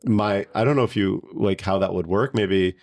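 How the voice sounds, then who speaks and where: A man's voice: lowish voice, normal speed, darkish tone, no echo, clean studio sound. Rambling, joking middle-aged man. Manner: rambling, joking, self-mocking. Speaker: podcast co-host. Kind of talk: casual comedic chat.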